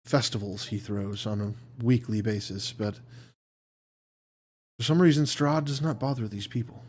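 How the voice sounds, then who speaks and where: A man's voice: lowish voice, moderate pace, lightly acted. A man playing a matter-of-fact male guide.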